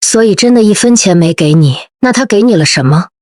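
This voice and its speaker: A woman's voice: medium pitch, expressive, fairly quick, darkish tone, no echo, natural voice. A woman voicing a stern, protective older man who speaks in firm, commanding questions, in a dry recording.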